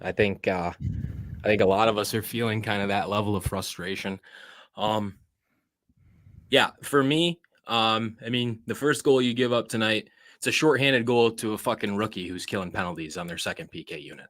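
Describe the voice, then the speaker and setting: A man co-hosting a sports podcast, venting in a frustrated, swearing rant full of rapid rhetorical questions. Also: on the low side, fairly bright tone, no room sound. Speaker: podcast co-host.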